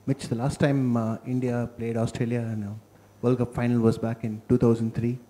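Teasing male reporter, mellow tone. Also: mid-range voice, level tone, moderate pace.

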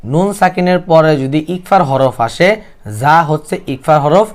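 A Bengali-speaking man teaching Quran reading, spelling each letter and vowel aloud, then chanting the verses slowly for learners to repeat. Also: fairly high pitch. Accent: Bangladeshi Bengali. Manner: slow drawn-out chanting of Arabic verses, then brisk spoken explanations.

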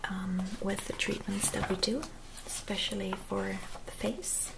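Slow, soft ASMR role-play by a young woman. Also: medium pitch, flat delivery, gravelly, background noise. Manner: soft-spoken, gentle and unhurried, attentive. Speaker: ASMR performer playing a spa clinic receptionist and therapist. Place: small dim room at home.

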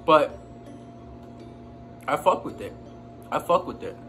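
A young man with a fairly high voice talks with his mouth full, chewing between words. He is blunt and rambling, cursing casually as he gives his verdict on a burger, with faint music playing behind him. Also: very animated, takes it slowly, bright, forceful tone. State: chewing while talking. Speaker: food reviewer. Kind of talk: casual food review vlog.

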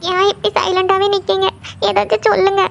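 A woman's voice: very high-pitched, monotone, brisk, vocal fry, fairly bright tone, slight background noise, heavily acted. A woman voicing a tearful young woman in love who pleads for help. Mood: pleading. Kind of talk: cartoon voice acting. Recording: dull lo-fi recording.

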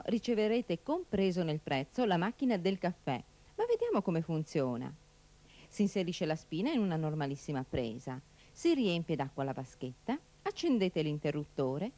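A woman's voice: lowish voice, mellow. A woman reading a scripted telesales voice-over, presenting in a persuasive, emphatic way with rhetorical questions. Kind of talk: scripted infomercial voice-over narration.

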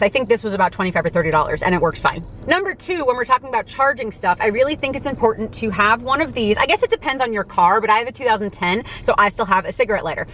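A young woman from the States chatting to camera from inside a parked car, talking quickly and animatedly with lots of fillers. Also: a little high, fairly bright tone, a little hiss or hum. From United States. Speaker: vlogger. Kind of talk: casual vlog talk to camera. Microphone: camera on dashboard.

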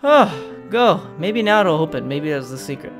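Excitable woman yelling through gameplay. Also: low voice, normal speed, soft background music. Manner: swears and shouts at enemies; talks to the dog companion. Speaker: let's play gamer. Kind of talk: gameplay commentary.

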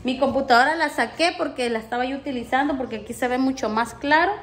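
A young woman chatting to her viewers about her home and garden in a warm, affectionate way, full of little diminutives. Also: sits high, quick pace. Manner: switches to doting tone talking to her child. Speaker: home decor vlogger. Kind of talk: casual vlog chat to viewers. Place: at home, yard and car outdoors.

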